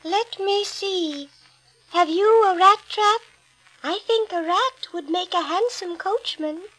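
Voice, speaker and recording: A woman voicing a kind, stately fairy godmother in a storybook, speaking slowly and gently. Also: very high voice, voice pushed up, heavily acted, rough recording. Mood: thoughtful. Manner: slow, gentle, measured.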